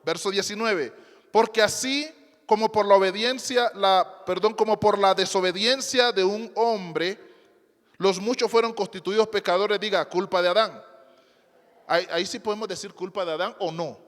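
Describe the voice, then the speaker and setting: A man's voice: high voice, normal speed, fairly bright tone. A male pastor preaching to a congregation, emphatic, repeating phrases and asking rhetorical questions. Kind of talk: sermon. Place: church before a congregation. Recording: long hall reverb.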